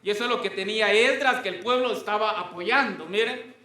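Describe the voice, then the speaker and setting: A man's voice: high-pitched, brisk, bright, forceful tone, echoey room. A man preaching a sermon to a congregation, often stopping to ask them questions.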